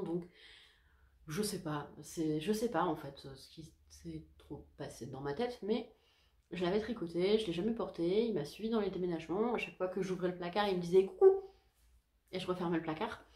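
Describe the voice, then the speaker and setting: A woman's voice: on the low side, mellow. A woman hosting a knitting podcast, talking casually to camera in a chatty, hesitant and self-deprecating way. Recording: echoey room.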